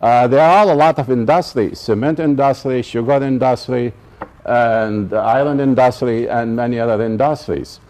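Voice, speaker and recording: Mellow man lecturing. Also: mid-range voice, normal speed. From Iraq. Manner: emphatic, repeats key points, checks that listeners follow. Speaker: professor giving a public talk. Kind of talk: college lecture. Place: college lecture room.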